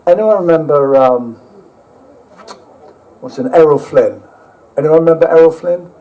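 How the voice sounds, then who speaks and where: A man's voice: fairly high pitch, a little slow, dark tone, poor audio. A man telling a rambling, self-mocking travel story to a live audience, with casual swearing. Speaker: speaker at an overland motorbike event.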